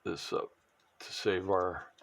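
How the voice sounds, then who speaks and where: A man's voice: low-pitched, fairly even intonation, slow pace, vocal fry, a bit bright. A man chatting casually while opening a pack of sports cards, rambling with restarts and trailing asides. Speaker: sports card collector and fantasy football vlogger.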